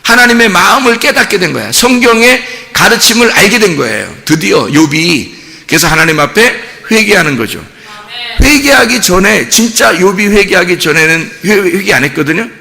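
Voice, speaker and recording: A man preaching a sermon as pastor, telling a story with animated voices for each figure. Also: high voice, normal speed, gravelly. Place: church sanctuary. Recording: long hall reverb.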